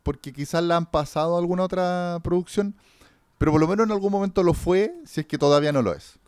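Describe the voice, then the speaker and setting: A Chilean-accented podcast host with a high, quick, darkish voice that's clear and resonant rambles casually while reviewing a series, packing in slang and fillers. The recording is dry and studio quality.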